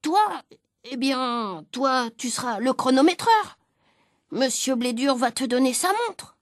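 A woman reading aloud gives voice to a cocky middle-aged father, always bragging and quick to bicker. His voice sits lower and quieter than her storytelling, with a teasing edge. The sound is close and dry, with no room around it. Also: dry recording. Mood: boastful, bickering.

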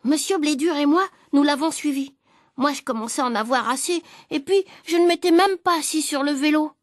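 A woman reading a children's story aloud in the voice of the boy narrator, lively and expressive. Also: high voice, a little fast, no echo, studio quality.

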